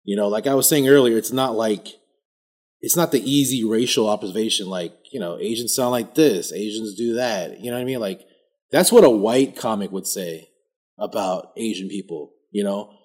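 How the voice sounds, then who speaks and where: A man's voice: fairly low pitch, normal speed, a little mellow, breathy edge. A man co-hosting a casual comedy podcast, laid-back and analytical, trailing off with fillers. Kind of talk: casual chat.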